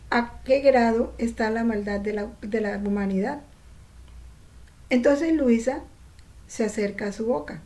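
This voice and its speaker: Slow, mellow-voiced woman teaching devotion. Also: on the high side. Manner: slow, reflective, poses rhetorical questions to listeners. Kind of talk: reading and commenting on a devotional text.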